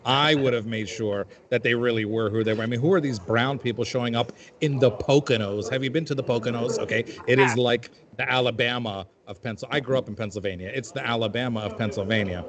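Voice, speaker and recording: A Jordanian comedian in his forties talks quickly in a mid-range voice with few pauses, crowd noise behind him. Appearing as a panel guest in casual chat, he tells dry, wry stories full of filler-laden asides.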